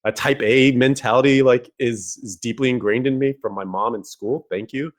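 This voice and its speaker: A man's voice: mid-range voice, steady tone, normal speed. A man co-hosting a casual podcast, talking in a rambling way with a lot of filler words. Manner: rambling, heavy use of "like". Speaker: podcast co-host.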